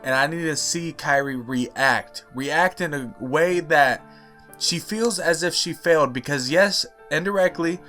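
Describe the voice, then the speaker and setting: A young man giving casual video-game commentary as a YouTuber. He rants with passion and gets louder and higher when he is annoyed. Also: measured pace. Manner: passionate, ranting, swings loud and high when annoyed. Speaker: gaming YouTuber. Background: faint music.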